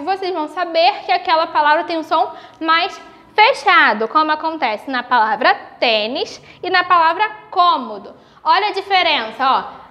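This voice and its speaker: A woman with a Brazilian Portuguese accent, teaching young children in a recorded video lesson, slowly stretching out the example words. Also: very high-pitched, sharp tone, muffled recording. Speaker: primary school teacher.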